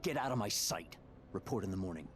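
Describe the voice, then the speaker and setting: An actor playing a stern video game police lieutenant with a dry, sarcastic, commanding manner. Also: male voice, low-pitched, lively intonation, fast talker, slight background noise. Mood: stern, cold. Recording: music behind the voice.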